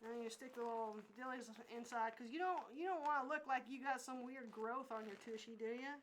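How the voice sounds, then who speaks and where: A woman playing a brash, homespun pitchwoman in a comedic infomercial parody, with folksy, pushy sales patter. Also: fairly quick, slight background noise, close to an everyday voice, low-quality recording. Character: brash homespun woman pitchwoman Bertha selling gag gear.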